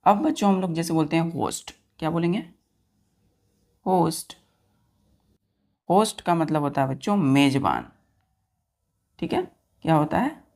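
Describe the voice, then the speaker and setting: In a low, expressive, darkish voice, a woman teaches grammar a little slowly and pauses often. She spells words letter by letter and repeats each answer, checking time and again that the students are following.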